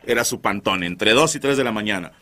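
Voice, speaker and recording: A Mexican man hosting a comedy podcast, telling stories loudly with crude slang and jokes. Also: on the low side, a little fast. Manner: crude, animated, joking slang. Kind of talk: loud comic storytelling.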